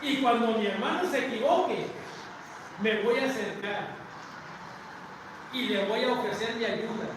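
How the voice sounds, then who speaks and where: A Mexican pastor with a high-pitched voice preaches a sermon, swinging between loud declarations and hushed asides as he calls out to the congregation. He is picked up from a distance in a big, very echoey sanctuary. Steady noise sits under the recording. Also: unhurried, pauses often. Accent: Mexican Spanish. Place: large church sanctuary with a balcony. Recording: very echoey church from far off, noisy.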